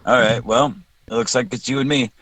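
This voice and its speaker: A man's voice: medium pitch, fairly even intonation, a little fast, a bit bright, no echo. A man hosting a podcast on a call, chatting casually, swearing and joking loosely. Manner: loose, swears, jokes and laughs easily. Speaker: podcast host.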